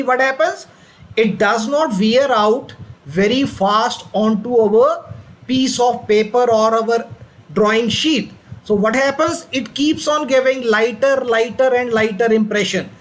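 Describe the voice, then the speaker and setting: A man teaches an engineering drawing class. His voice sits very high for a man. He explains patiently, repeating key phrases and posing questions before answering them himself. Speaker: engineering lecturer. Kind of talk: classroom lecture on drawing instruments.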